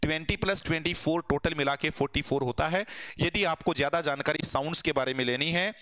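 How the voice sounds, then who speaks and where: A man leads an online exam-prep grammar class in a bright, sharp voice, pitched a little high for a man. His words come out smooth and crisp. He keeps calling his students friends and throws questions at them that he answers himself. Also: fast talker. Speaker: teacher.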